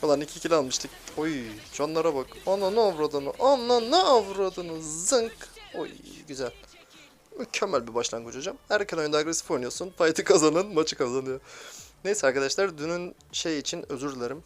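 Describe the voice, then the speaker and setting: A young man giving excitable, grumbling commentary while playing a mobile game, swearing at teammates. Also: on the high side, brisk. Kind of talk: live gameplay commentary.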